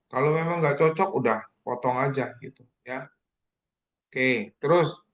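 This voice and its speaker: A middle-aged man giving a casual university lecture, animated and jumping up in pitch to mimic people.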